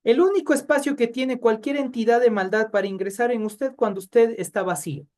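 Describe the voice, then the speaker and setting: A man's voice: very high voice, fairly quick, darkish tone. A man teaching a Bible study class in a conversational way, asking his students questions and addressing them by name.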